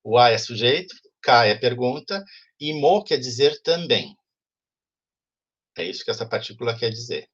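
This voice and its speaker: Husky man teaching a class. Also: mid-range voice, animated, normal speed, a bit bright, highs cut off. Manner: explanatory, frequent "né?" checks with students. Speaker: Japanese language teacher. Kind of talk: online class lecture.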